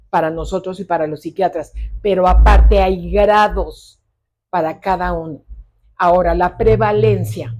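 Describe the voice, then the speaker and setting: A middle-aged Mexican woman speaks in an interview as a psychologist. Her voice is warm and mellow. She tells stories vividly, slipping into the voices of the people in them. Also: lowish voice. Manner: lively storyteller acting out quoted dialogue. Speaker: psychologist specializing in ADHD. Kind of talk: conversational interview, storytelling.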